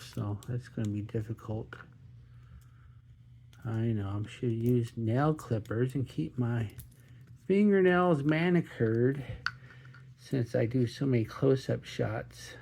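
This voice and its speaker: A man's voice: medium pitch, gravelly, darkish tone, breathy edge. A man hosting his own channel, cracking puns and chatting casually while he unboxes watches. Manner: jokey, punning, chatty. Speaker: watch reviewer, channel host.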